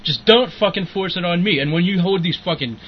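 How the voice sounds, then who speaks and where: Crude young guy ranting on a podcast, kinda high voice, swears a ton, muffled lo-fi recording with faint hiss. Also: a little fast. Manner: profane, laughs often, rambling. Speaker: podcast co-host. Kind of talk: crude casual chat.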